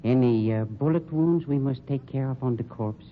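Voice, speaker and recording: In an old-time radio crime drama, a male actor with a natural, medium-pitched voice plays a suave, sardonic funeral director. His delivery is polished, condescending and deliberate, full of dry sarcasm, heard through a dull, noisy old radio recording.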